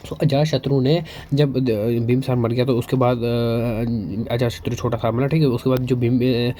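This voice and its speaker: A man teaching history for exams, reading English lines slowly, then explaining fast in Hinglish with fillers and questions he answers himself. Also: mid-range voice, little pitch movement, mellow, a little hiss or hum. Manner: keeps asking and answering his own questions. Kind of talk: exam-prep lecture.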